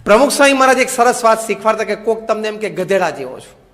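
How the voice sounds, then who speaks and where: High-voiced monk preaching in a hall. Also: male voice, steady tone. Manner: storytelling with gentle humor, slow emphatic English phrases. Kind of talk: sermon. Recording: long hall reverb.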